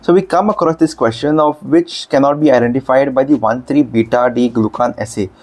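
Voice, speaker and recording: A man at an ordinary middle pitch explains medical exam material step by step. He speaks emphatically and stops often to check with the listener. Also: a little fast, darkish tone. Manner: explanatory, emphatic, repeats 'okay'. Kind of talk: screen-demo lesson.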